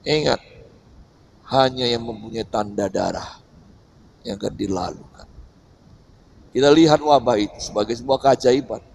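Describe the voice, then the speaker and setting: A man preaching a Sunday church sermon as pastor, dropping to a hush and then rising to loud, emphatic preaching. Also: medium pitch, normal speed, vocal fry, long pauses, a little hiss or hum. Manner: swings between hushed and loud, emphatic preaching. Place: church service.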